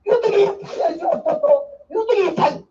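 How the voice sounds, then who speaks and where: A woman's voice: extremely high pitch, big pitch swings, unhurried, mellow, echoey room, distant mic, lo-fi sound, a little hiss or hum, pitched above the performer's own voice, full character voice. A woman voicing an older deaconess who prays tearfully and pleadingly in a Jeolla dialect. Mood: imploring.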